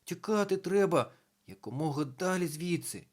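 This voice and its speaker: A man's voice: high-pitched, expressive, normal speed, pitched above the performer's own voice. A man doing a fretful little castle ghost. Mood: anxious. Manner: wondering, fretful. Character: small merry male castle ghost.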